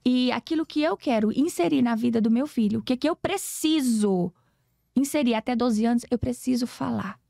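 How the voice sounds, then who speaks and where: Brazilian lady in her 40s on a podcast, high voice, bit of fry, preachy storytelling, dry close mic. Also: normal speed, warm tone, no room sound. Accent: Brazilian Portuguese. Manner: earnest, preachy, acts out dialogues. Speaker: podcast guest, educator. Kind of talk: emotional storytelling interview.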